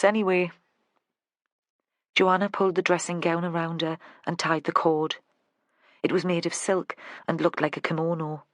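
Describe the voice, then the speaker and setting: An audiobook narrator reading a crime novel with steady, even storytelling. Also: medium pitch, no room sound. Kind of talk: scripted narration.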